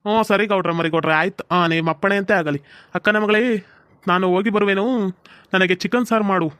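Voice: mid-range voice, fairly even intonation, brisk, a bit bright, smooth, close to an everyday voice. A performer with a North Karnataka Kannada accent playing a fond, soothing uncle who works as a farm labourer. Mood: reassuring.

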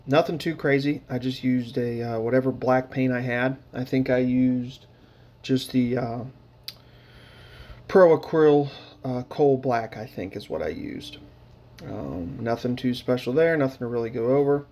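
A man's voice: mid-range voice, measured pace, darkish tone. Casual rambling man, dry sarcasm. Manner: rambling, filler-heavy, dry sarcastic humor. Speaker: hobby painting vlogger. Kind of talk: casual narration over hobby footage.

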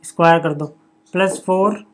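A male maths teacher with a high-pitched voice gives a step-by-step board lesson at a moderate pace, reading out numbers and steps one by one. He keeps asking the viewer what comes next, answers himself, and drops in casual fillers like "okay" and "buddy."

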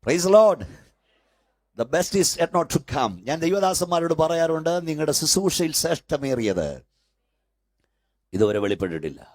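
An older man preaching a sermon as pastor in a church hall, with fervent repeated calls that build up to shouting. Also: a little high, very animated, measured pace, long pauses.

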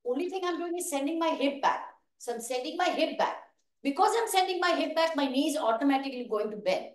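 A woman's voice: sits high, animated, fast talker. A middle-aged woman with an Indian accent instructing a live online exercise class, encouraging and calling out counts and cues as she moves. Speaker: fitness instructor. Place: large open living room indoors. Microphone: video call, camera several metres away. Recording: echoey large room, away from mic.

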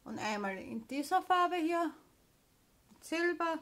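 A woman's voice: extremely high pitch, expressive, takes it slowly, fairly bright tone. A woman chatting casually as a vlogger, showing purchases in an informal, explanatory manner. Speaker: craft haul vlogger.

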